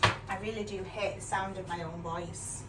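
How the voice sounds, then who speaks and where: An older woman from Yorkshire, England, speaking at a moderate pace in a medium-pitched voice with fairly even intonation and a mixed northern English accent, cooks in her home kitchen for her vlog. She's chatty and self-deprecating, often tagging sentences with questions, and the distant mic lets background noise come through clearly.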